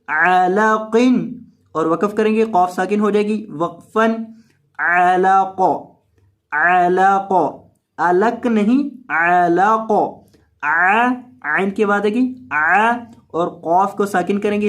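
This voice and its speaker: Quran teacher chanting slowly, then explaining fast. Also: medium pitch. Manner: slow drawn-out chanted recitation alternating with quick spoken explanations; repeats each word and spells it out letter by letter. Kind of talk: tajweed lesson, word-by-word.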